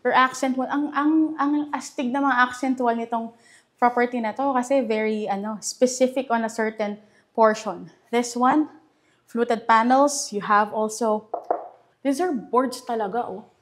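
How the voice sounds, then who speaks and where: Young woman, Filipino accent, fairly high voice, chatty, enthusiastic, casual house tour, indoors. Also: steady tone, a little slow. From Philippines. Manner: chatty and enthusiastic, mixing Tagalog and English. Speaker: real estate house tour host.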